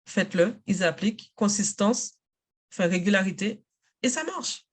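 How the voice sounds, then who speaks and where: A woman, a native English speaker, talking in a casual interview about coaching parents and adults in English, in an energetic and emphatic way. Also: mid-range voice, normal speed. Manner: energetic, emphatic, self-assured.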